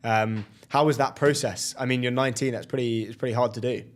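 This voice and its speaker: A man hosting a casual interview show, relaxed and halting, with lots of fillers and repeated words. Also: medium pitch. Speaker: host.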